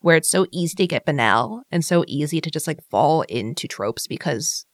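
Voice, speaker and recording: A woman's voice: low-pitched, lively intonation, normal speed, no room sound. A woman hosting a podcast, chatting casually and enthusiastically with many fillers and restarts. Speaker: podcast host.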